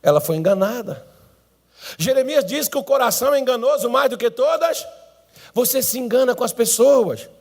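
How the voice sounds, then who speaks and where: A Brazilian male pastor preaching a sermon in church, swinging between drawn-out shouted cries and low, quick asides. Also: animated, gravelly.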